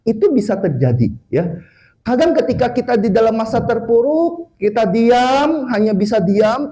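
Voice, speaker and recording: A male evangelist gives a chatty sermon at an office worship service. His voice sits high and swings widely in pitch. It keeps a mellow tone, and he checks in with his listeners constantly. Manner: lively, conversational, frequent "oke" and "ya" tags, mixes in English words. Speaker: evangelist preacher.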